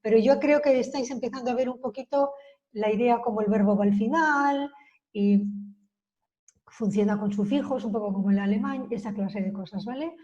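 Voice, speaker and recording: Female language teacher, patient and methodical, spells things out slowly; slightly high, mellow voice on a dull recording. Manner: slow, patient spelling and repeating of example phrases. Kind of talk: Basque lesson explained in Spanish.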